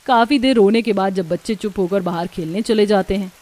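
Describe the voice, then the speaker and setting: A woman narrating a cartoon story in a plain, steady way. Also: mid-range voice, fairly quick.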